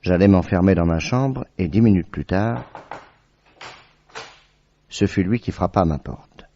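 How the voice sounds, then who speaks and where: A man acting in a radio drama as a wry, grumbling doctor who narrates as the detective's sidekick, with a husky voice and expressive storytelling. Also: low voice, measured pace, slight background noise. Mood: wry narrating. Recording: dull, muffled radio drama recording.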